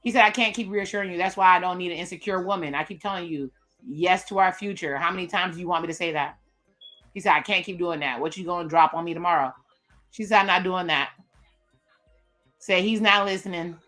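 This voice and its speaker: Bright-voiced woman recapping a dating show. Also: lowish voice, a little fast, soft background music. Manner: casual, recaps what cast members say, chatty asides. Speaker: reaction video host. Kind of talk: live reaction commentary.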